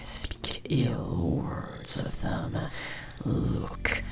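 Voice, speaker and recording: In a horror audio roleplay, a man voices a possessive, menacing insect-like parasite devoted to his mate. His breathy, gravelly whisper is slow and sinister, coolly condescending, yet tender when it comes to family.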